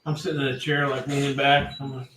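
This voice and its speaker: A man's voice: mid-range voice, flat delivery, quick pace, pushed and bright. A man chatting casually as a player in a tabletop game. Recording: echoey, distant, very noisy.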